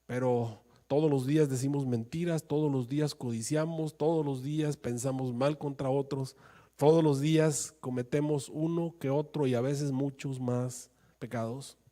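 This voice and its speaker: A man's voice: medium pitch, steady tone, normal speed, warm tone. A male pastor preaching a sermon with passion, his voice rising into emphatic pleas.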